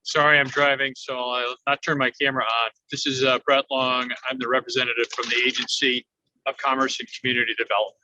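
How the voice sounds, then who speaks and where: A man giving a quick, matter-of-fact introduction at a meeting, phoning in while driving. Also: medium pitch, level tone, sharp tone. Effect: phoning in from a moving car. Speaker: state agency representative on a panel. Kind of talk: brief self-introduction at a video meeting. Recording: dull lo-fi sound from a car.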